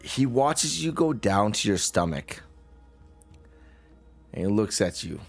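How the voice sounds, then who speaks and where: A man improvising narration as the game master of a tabletop game, describing scenes in a halting way. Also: on the low side, very animated, creaky, faint music behind.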